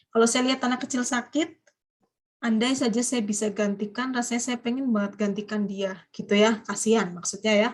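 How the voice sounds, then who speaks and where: A woman with a fairly high voice leads a grammar lesson. She explains each point patiently, and she quizzes her students with drawn-out, sing-song prompts. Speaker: Japanese grammar teacher. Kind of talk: live class lesson.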